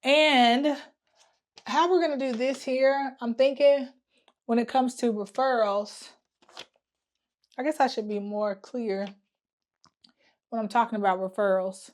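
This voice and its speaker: Unhurried and steady in tone, this woman's slightly high voice leaves long pauses. She's vlogging to camera while planning travel business marketing, thinking out loud through fillers and restarts, humming as she works at the wall.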